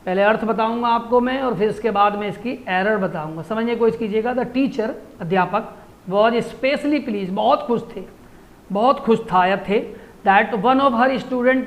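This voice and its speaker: Male teacher with a higher-than-usual voice, exam-prep grammar lesson, methodical phrase-by-phrase explainer. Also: unhurried. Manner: translates phrase by phrase, quizzes with rhetorical questions.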